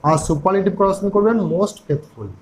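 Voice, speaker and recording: Guy with a high voice explaining grammar rules, spells out every word. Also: fast, poor audio. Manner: spells words out letter by letter and asks questions back. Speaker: English grammar teacher.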